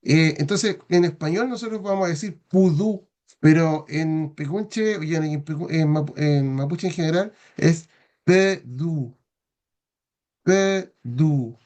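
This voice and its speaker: A man, a student on a video call, talks things through earnestly and at length. His voice is quite high for a man. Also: normal speed, hardly any pauses, a little mellow. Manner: earnest, explanatory.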